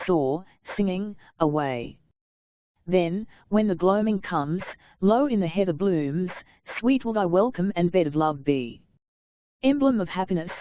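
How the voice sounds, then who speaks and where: A woman's voice: lowish voice, no echo. Woman reading an audiobook over a tinny line. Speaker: audiobook narrator. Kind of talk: audiobook reading of verse and instruction. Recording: tinny phone-like sound, dry.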